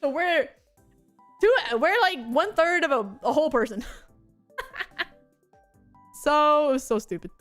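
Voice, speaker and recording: A young woman with a notably high voice, chatting on stream in a loose, rambling way and giggling often. Soft music plays faintly behind her. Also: expressive, a little slow, pauses often. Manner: rambling and giggly, with frequent laughs and filler words. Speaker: VTuber streamer. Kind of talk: casual chat stream, storytelling.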